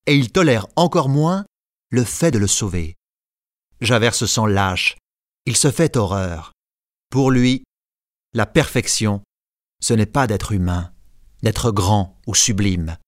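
Low-pitched man reading a storybook audiobook, measured and clear, dry close mic. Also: no echo. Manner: measured storytelling, voices characters lightly. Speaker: narrator. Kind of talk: scripted narration.

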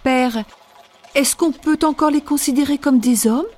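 A man reading a classic novel aloud and voicing a gentle, lovestruck young woman in a high, soft girlish voice. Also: unhurried. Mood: wondering.

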